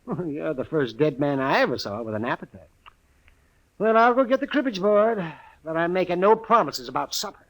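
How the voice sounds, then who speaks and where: Crusty older American frontier doctor, high voice, swooping intonation, querulous, folksy, old-time radio western. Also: male voice, big pitch swings, fairly quick, fairly bright tone, low-quality recording. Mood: grudging.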